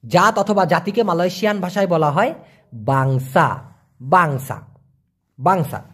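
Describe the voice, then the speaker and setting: A man from Bangladesh, giving a casual vocabulary lesson and slowly repeating each word between chatty asides. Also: sits high, a bit bright, breathy edge. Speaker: language teacher.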